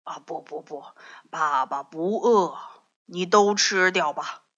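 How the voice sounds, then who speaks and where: Woman voicing a gruff dinosaur dad, protective, low voice, slow, dull lo-fi audio. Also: a bit bright. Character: gruff male tyrannosaurus father, protective.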